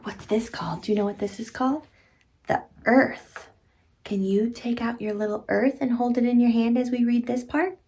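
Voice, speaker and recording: A woman hosting an interactive picture-book read-aloud for small children, coaxing them along with gentle questions. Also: fairly high pitch, steady tone, normal speed.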